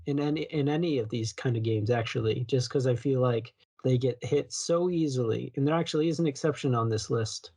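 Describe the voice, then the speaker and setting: A man's voice: medium pitch, brisk, few pauses, dark tone. A man co-hosting a podcast, chatting casually about video games in a rambling, self-correcting way. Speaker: podcast co-host.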